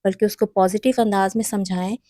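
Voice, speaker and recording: A woman with a mellow, warm voice gives parenting advice in a steady, instructive way, addressing mothers directly. Her recording is close and dry, with no room sound around her. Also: mid-range voice, no echo.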